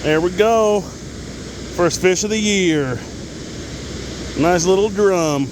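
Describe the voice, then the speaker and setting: Rushing water runs clearly behind a man with a slightly high-pitched voice. He talks in a casual, folksy way, like an amateur angler narrating a fishing vlog outdoors. His wording is informal and exclamatory. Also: background noise.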